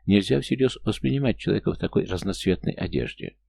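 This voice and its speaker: A man voicing a rude, irritable former intelligence officer in an audiobook, speaking gruffly and with scorn. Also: fairly low pitch, sing-song, fast, darkish tone, pitched above the performer's own voice, exaggerated voice. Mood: irritated.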